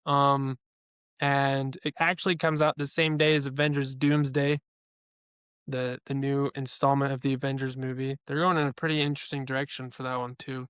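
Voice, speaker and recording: A man's voice: medium pitch, level tone, normal speed, fairly bright tone, smooth, no echo, studio quality. A young man co-hosting a podcast in a casual, chatty way, sharing opinions and filling his talk with "like". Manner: chatty, opinionated, heavy use of "like". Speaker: podcast co-host. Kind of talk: casual chat.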